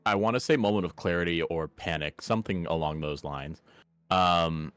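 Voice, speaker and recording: Deep-voiced joking male player. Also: normal speed, fairly bright tone, smooth, no echo, faint music behind. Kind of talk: casual tabletop play.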